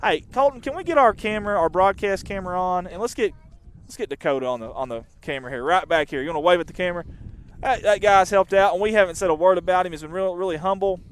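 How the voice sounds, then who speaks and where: Man, softball commentator, casual live commentary, smooth clear voice, somewhat high pitch. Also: quick pace. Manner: folksy, rambling and chatty. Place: outdoor softball field on a windy day.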